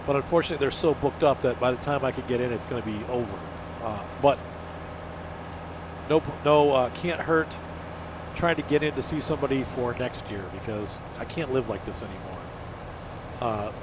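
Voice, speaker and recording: Man, medium pitch, congested and sick, blocked nose, casual folksy gameplay commentary, noticeable vehicle noise in the background. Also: normal speed. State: sick with allergies, nose fully plugged. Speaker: gaming channel host.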